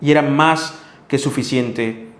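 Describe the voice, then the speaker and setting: A man's voice: medium pitch, takes it slowly. A man preaching a sermon, reading Bible verses and earnestly scolding his listeners. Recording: echoey room.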